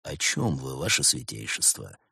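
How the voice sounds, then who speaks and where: A man's voice: a bass voice, big pitch swings, moderate pace, vocal fry, bright, forceful tone, breathy edge, no echo, studio quality, voice pushed down, full character voice. A man voicing a smug male snow leopard answering a rival on the phone. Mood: sly.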